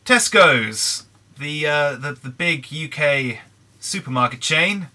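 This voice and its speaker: A young British man with a hoarse, croaky throat, chatting in a rambling way over a Minecraft let's play. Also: fairly high pitch, expressive, slow pace, bright, forceful tone. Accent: British English. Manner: rambling, chatty, frequent restarts. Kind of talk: casual gameplay commentary.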